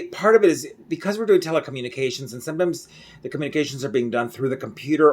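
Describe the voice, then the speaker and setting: A middle-aged Mexican man with a General American accent and a mid-range voice records a daily video diary at home. The vlogger talks casually and a little ramblingly, often laughing at himself.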